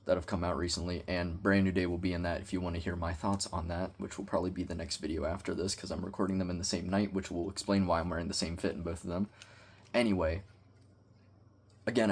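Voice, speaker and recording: Husky-voiced young man rambling on camera. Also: sits low, darkish tone. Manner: awkward, self-deprecating, slangy. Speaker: YouTuber reviewing a toy. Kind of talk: casual rambling vlog. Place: bedroom with bookshelves.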